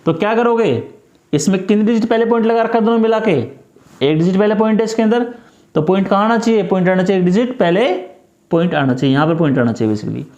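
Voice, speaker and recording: Male tutor, high-pitched, patient step-by-step explainer, echoey room. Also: expressive, quick pace, a little mellow, muffled recording. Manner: repetitive, coaxing, talks through each step. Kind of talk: step-by-step math lesson.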